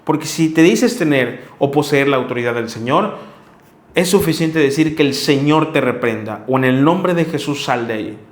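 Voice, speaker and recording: A man delivers a sermon, reading scripture and pressing his points directly on the listener. His voice sits fairly high for a man, and the room around him is reverberant. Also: lively intonation, moderate pace. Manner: earnest, scolding, addresses listener directly. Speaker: preacher. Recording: echoey room.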